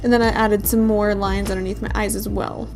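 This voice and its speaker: A woman's voice: mid-range voice, flat delivery, a little fast. A woman giving a casual makeup tutorial voice-over, rambling along with self-deprecating asides. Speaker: makeup and body paint artist, channel host. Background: music.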